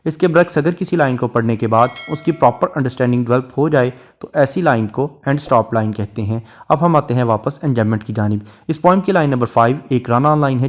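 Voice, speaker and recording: Measured male lecturer explaining poetry. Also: medium pitch. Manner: reads English verse lines slowly, then explains in Urdu-flavoured Hindi. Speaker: literature lecturer.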